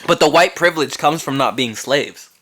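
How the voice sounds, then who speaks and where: A man's voice: fairly high pitch, moderate pace, a crowd in the background. A man hosting a casual podcast chat among friends, joking and teasing, laughing often. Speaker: podcast host.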